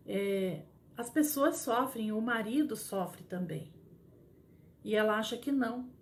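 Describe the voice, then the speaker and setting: A middle-aged Brazilian woman with a Brazilian Portuguese accent, a grief counselor for mothers, talking gently and earnestly on a live stream, pausing and restarting often. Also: fairly high pitch.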